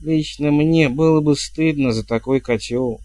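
A man voicing a chatty, bawdy old woman witch in a loud stage whisper. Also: on the high side, a little slow, dry recording, natural voice. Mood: scornful.

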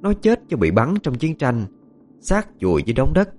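A man narrating a ghost story in an expressive, dramatic way. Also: mid-range voice, moderate pace, soft background music.

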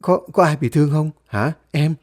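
A man's voice: a little high, normal speed, pitched above the performer's own voice, lightly acted. A man voicing an anxious young village woman who questions and pleads urgently in a horror audiobook.

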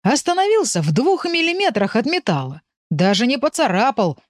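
A woman's voice: fairly high pitch, big pitch swings, normal speed, dry recording, studio quality, voice pushed up. A woman reading an audiobook, voicing a good-natured, folksy village man who is a curious neighbour. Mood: jovial. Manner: jovial, folksy. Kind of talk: audiobook character voice.

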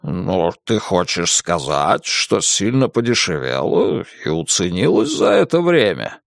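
Man voicing a teasing dragon, gravelly, slow, mumbly, close and dry. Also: sits low, sing-song, no echo, pitched below the performer's own voice, heavily acted. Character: teasing laid-back male dragon.

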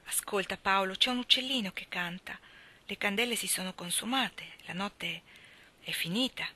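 A woman voicing an aging woman who is fearful and desperate, speaking in a tense, hushed way. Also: medium pitch, moderate pace. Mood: gentle.

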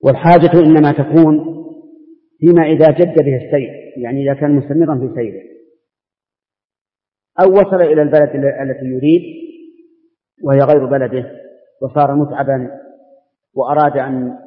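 Older sheikh giving rulings, careful explaining, tinny tape w/ big hall echo. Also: male voice, fairly high pitch, steady tone. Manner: measured, explanatory, restarts words. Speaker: religious scholar answering questions. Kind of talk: open Q&A ruling session.

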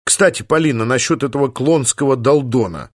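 A skeptical engineer asks wry, probing questions, as a man plays him in an audiobook. The voice sits at a mid pitch, close to the reader's own. The recording is dry and intimate. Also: a little fast, no echo, lightly acted. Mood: questioning.

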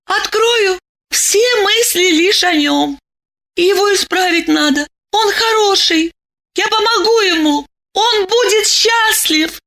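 A woman's voice: very high-pitched, takes it slowly, a bit bright, voice pushed up, full character voice. A woman voicing a lovestruck, emotional young woman who talks fervently and pleadingly in an audiobook. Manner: fervent, pleading, tearful at times. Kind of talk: audiobook character voice.

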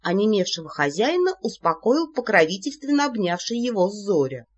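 A woman narrating an audiobook in a playful, animated manner. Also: medium pitch, normal speed. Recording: slightly muffled recording.

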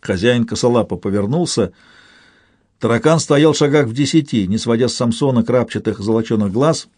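A man narrating a literary audiobook in a steady, expressive storytelling manner. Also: medium pitch, normal speed, breathy edge, no room sound, clean studio sound.

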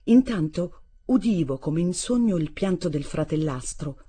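A woman reading a literary novel aloud as an audiobook, in measured, expressive storytelling. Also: sits low, breathy edge. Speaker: audiobook reader.

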